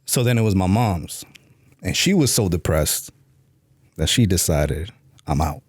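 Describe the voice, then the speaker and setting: A man's voice: low-pitched, lively intonation, measured pace, no echo. A man from New York, a podcast guest telling his life story in a blunt, streetwise way, swearing freely. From New York, USA. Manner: acts out past dialogue in a raised voice. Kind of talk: candid interview storytelling.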